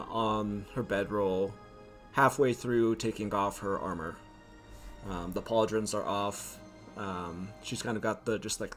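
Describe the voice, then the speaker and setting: A man narrating a tabletop game as game master, setting scenes in an unhurried, descriptive way with frequent ums. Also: fairly low pitch.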